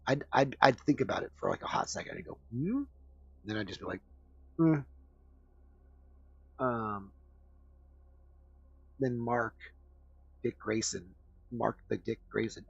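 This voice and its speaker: A low-voiced man with a gravelly, husky edge, rambling crudely through casual comedic commentary. The sound is dull and lo-fi, very dry and close. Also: no room sound. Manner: crude, rambling, full of fillers. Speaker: podcast host.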